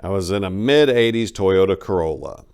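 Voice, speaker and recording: A low-pitched man narrates a first-person story as a dramatic, audiobook-style reading, pressing hard on some phrases and letting others drop quieter. His intonation is lively, his pace moderate, his delivery smooth.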